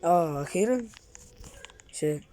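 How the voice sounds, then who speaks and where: A woman's voice: lowish voice, expressive, unhurried, noisy background. A woman with an Egyptian Arabic accent improvising a casual game role-play, exclaiming, asking questions and repeating her phrases. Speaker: gamer making a role-play film in Roblox.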